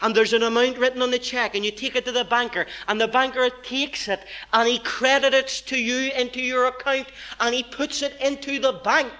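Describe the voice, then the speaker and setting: A male preacher with a strikingly high voice and a bright, forceful edge, possibly. He delivers an impassioned sermon, swinging between loud declarations and hushed asides. His voice has a sharp, ringing quality. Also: flat delivery, moderate pace, hardly any pauses.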